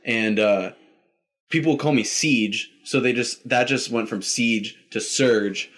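A man's voice: mid-range voice, measured pace, a bit bright. A young man in casual chat with a friend, rambling with lots of fillers and frequent laughter.

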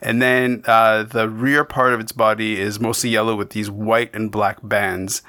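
A man's voice: fairly low pitch, flat delivery, unhurried, bright, forceful tone. A man from Canada hosting a podcast, chatting casually and rambling with many restarts and digressions. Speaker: podcast host. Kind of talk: casual interview chat.

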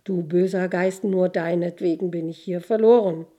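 A young soldier begging for his life and lamenting his fate, voiced by a woman reading the fairy tale. The voice is warm and a little breathy, full of pleading. It is a storybook reading. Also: lowish voice, steady tone, normal speed, lightly acted. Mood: despairing.

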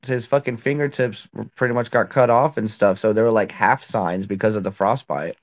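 Low-voiced man in loose, swearing banter. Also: fairly even intonation, fairly quick, lo-fi sound. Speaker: podcast co-host. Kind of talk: casual chat.

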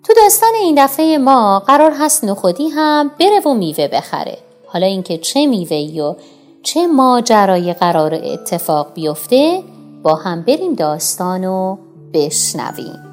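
A woman narrating a children's storybook tale, talking directly to young listeners in an animated way. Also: mid-range voice, soft background music.

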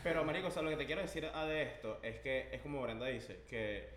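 A fast-talking man with a Venezuelan Spanish accent chats casually as a podcast guest. He acts out what people said, and his voice rings in an echoey room with faint background noise. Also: medium pitch. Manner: animated storytelling, acts out quoted remarks. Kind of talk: casual chat.

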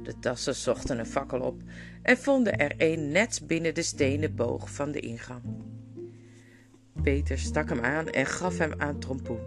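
An audiobook reader narrating a children's fantasy story in a steady storytelling voice, with guitar music underneath. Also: medium pitch, measured pace, gravelly. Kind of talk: scripted narration.

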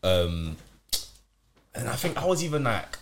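A man's voice: mid-range voice, very animated, unhurried, gravelly, a little hiss or hum. A young man with a London roadman accent, chatting casually in street slang as a podcast co-host. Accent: London, urban slang. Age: young adult. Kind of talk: casual group chat.

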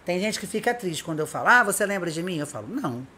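A woman, chatting casually and telling lively stories, acting out dialogue as she goes. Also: on the low side, fast, a little hiss or hum. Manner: animated storyteller, acts out dialogue. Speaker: podcast guest, police officer. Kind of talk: casual chat.

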